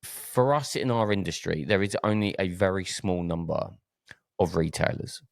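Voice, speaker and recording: A man's voice: deep voice, normal speed, creaky, dry recording, clean studio sound. A man from Essex with an Essex accent hosting a casual podcast chat, hesitating and repeating words as he goes. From Essex, England. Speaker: podcast host.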